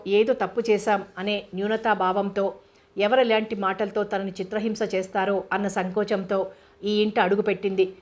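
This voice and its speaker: A woman's voice: mid-range voice, close to an everyday voice. A woman voicing a stern, protective elder sister who scolds her younger brother, read in an audiobook. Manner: scolding, exasperated. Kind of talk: audiobook character reading.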